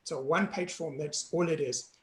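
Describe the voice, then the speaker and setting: Hoarse man, echoey. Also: on the high side, brisk. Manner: frank, casual explainer. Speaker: panelist on citizenship law.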